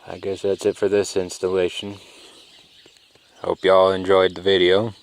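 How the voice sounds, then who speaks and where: A man's voice: sits low, completely flat delivery, unhurried. A man, rambling casually and sleepily to his phone camera outdoors in the country. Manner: laid-back, rambling, drawling. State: sleepy, yawning. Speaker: car vlogger.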